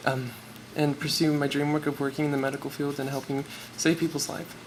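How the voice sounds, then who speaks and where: A man's voice: fairly high pitch, level tone, brisk. A teenage boy giving a nervous, tearful prepared acceptance speech for a student award. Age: teens. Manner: nervous, reading from notes. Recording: noisy live event recording.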